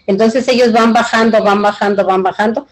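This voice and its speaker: A woman's voice: a little high, steady tone, normal speed, a little hiss or hum, poor audio. A middle-aged or older woman with a Mexican accent giving an informal cultural presentation in an earnest, rambling, colloquial way. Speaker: invited community leader.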